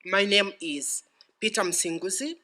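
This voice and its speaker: A middle-aged man with a Ugandan accent giving a formal, ceremonial podium speech with deliberate phrasing. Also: sits high, sharp tone. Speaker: graduating PhD student giving vote of thanks.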